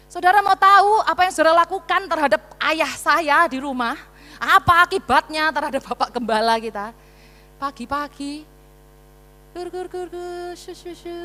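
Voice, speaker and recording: A woman preaches with a high, bright voice and animated, playful delivery. Her sermon rings through a reverberant church hall. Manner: animated, playful, sprinkles Javanese interjections. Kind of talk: lively sermon.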